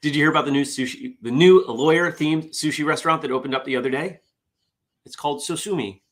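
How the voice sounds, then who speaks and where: A man's voice: on the high side, fast talker, a bit bright. A middle-aged man hosts a casual morning show, chatty and self-deprecating as he reads out corny puns. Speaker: host. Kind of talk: casual morning show chat, reading jokes.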